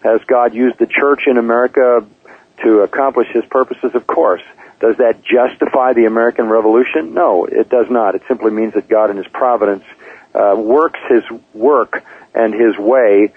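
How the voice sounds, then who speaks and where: A pastor speaking on a radio program, measured and full of "uh" fillers, asking and answering his own rhetorical questions. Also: mid-range voice, slightly rough, dry recording. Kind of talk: radio Bible teaching talk. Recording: tinny phone-line radio clip.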